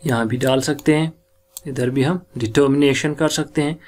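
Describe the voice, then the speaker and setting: A man teaching English word stress, sounding out words slowly syllable by syllable and mixing Hindi with English. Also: mid-range voice. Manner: mixes Hindi and English in explanations. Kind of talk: classroom lecture on word stress.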